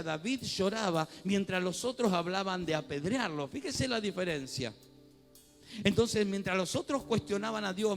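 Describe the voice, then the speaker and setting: Preaching as a pastor in a church, a man with a high-pitched voice and a Rioplatense Spanish accent speaks conversationally, then builds to fervent swells.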